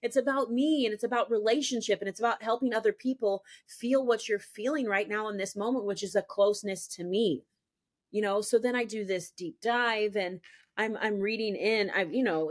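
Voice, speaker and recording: On a faith podcast, a female guest shares her personal testimony, her medium-pitched voice brisk, earnest, and emphatic. Her telling keeps circling back on itself, and she repeats "I'm telling you."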